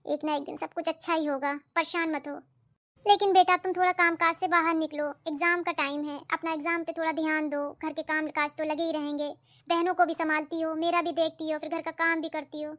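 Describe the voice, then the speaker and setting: Woman playing a gentle anxious cartoon mother, soothing, very high voice. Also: flat delivery, brisk. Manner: soothing, affectionate. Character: gentle tender young mother, soft-hearted and anxious. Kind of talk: cartoon voice acting.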